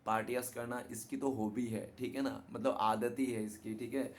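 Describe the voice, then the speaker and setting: Speaking at a moderate pace in a medium-pitched, level voice, a man reads tarot cards casually for his viewers. He is chatty and repeatedly checks they're following with the tag "ठीक है ना". A little hiss or hum sits under the recording.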